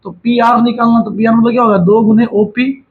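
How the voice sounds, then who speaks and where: A man's voice: very high voice, level tone, a little fast, phone-quality sound. A man teaching a maths lesson, chatty and scolding, mixing jokes and snatches of song into his explanations. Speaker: maths tutor.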